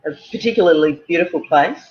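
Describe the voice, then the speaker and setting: An Australian woman guest on a video call, talking in a halting way, with many fillers and repeated words. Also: lowish voice, expressive. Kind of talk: casual interview chat. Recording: muffled lo-fi video-call audio.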